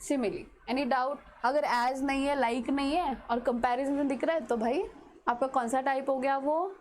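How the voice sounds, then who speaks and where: A woman's voice: high voice, fairly even intonation, normal speed, darkish tone, a little hiss or hum. A woman teacher with an Indian English accent, giving a classroom grammar lesson and mixing Hindi and English while she keeps checking that students understand.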